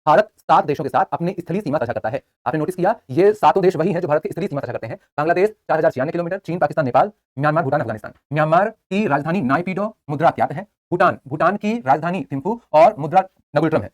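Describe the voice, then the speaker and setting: A man's voice: fairly high pitch, animated, fast talker, hardly any pauses. Chatty joking man teaching live class. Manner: chatty, joking asides between facts; repeats key answers for students.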